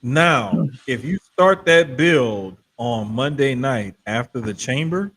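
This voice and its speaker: A man's voice: medium pitch, expressive, slow pace, a bit bright. A man co-hosting a casual wrestling discussion, speaking in a slangy, emphatic way. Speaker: wrestling podcast co-host. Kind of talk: casual chat, wrestling commentary.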